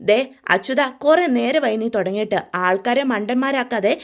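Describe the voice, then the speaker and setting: A man's voice: very high-pitched, normal speed. A woman voicing an indignant middle-aged father and shop owner who makes blunt, impatient demands.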